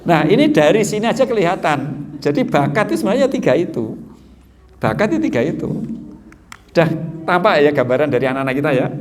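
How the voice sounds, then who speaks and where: A middle-aged man giving an Islamic study lecture in a lively, joking way, acting out children's voices. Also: a little high, a little fast. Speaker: preacher.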